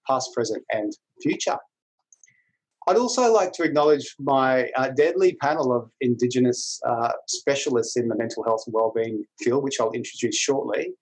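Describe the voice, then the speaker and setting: A man's voice: mid-range voice, low-quality recording. A middle-aged man with an Australian accent, presenting a webinar introduction as moderator in an informal, colloquial way over a video call. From New South Wales, Australia. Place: small indoor office room. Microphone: video call computer microphone.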